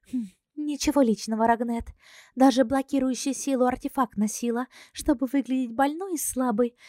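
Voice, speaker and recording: A sly young princess, put on by a woman narrator, soft and airy but quietly smug. She speaks high and light and never raises her voice. The reading is dry and close. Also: no room sound, close to an everyday voice. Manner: soft, airy, self-satisfied.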